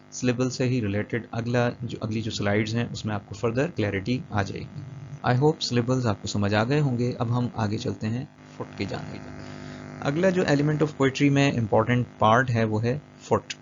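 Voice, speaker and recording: A man's voice: mid-range voice, moderate pace. A man teaching an English lesson over slides, patient and repetitive, mixing English terms into Hindi. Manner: patient, repeats and checks understanding; mixes English terms into Urdu-flavoured Hindi. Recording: dull lo-fi voice-over with soft music.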